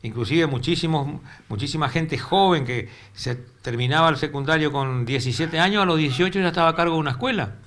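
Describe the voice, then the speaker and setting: Fairly high-pitched and fairly quick, with hardly any pauses and a fairly bright tone, an older man from northeastern Argentina with a Corrientes accent talks about his teaching career. He is a retired teacher giving a casual interview in a local cable TV studio, rambling and repeating words as he gropes for the next.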